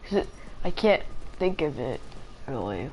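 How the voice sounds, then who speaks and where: A woman's voice: very deep voice, very animated, unhurried, a little mellow, slight background noise, low-quality recording. A sleepy, tired woman rambling hesitantly in casual chat as a live streamer, with many fillers.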